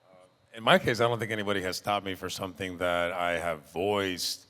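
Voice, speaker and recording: A man's voice: sits low, fairly even intonation, normal speed, bright, forceful tone. A male voice actor telling laughing anecdotes to fans on a convention panel. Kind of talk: live convention panel storytelling. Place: large convention hall. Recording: echoey convention hall.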